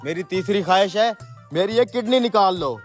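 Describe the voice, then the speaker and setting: Comedy skit, man playing a poor mistreated laborer, excitable, high-pitched, light background music. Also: a little fast, lightly acted. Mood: excited. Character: poor, mistreated male kiln worker. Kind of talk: comedy sketch acting.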